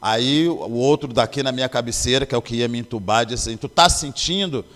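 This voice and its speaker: A man's voice: medium pitch, steady tone, fast. A man giving a personal testimony in church, telling his story earnestly and acting out the dialogue. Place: church sanctuary. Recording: long church hall reverb.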